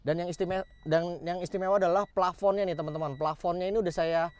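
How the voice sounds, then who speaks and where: A car workshop vlogger talks fast in a high-sitting, slightly mellow voice with fairly even intonation, recorded dry. Casually and enthusiastically, he walks around a modified car, showcasing each upgrade and echoing "keren banget nih" and "teman-teman."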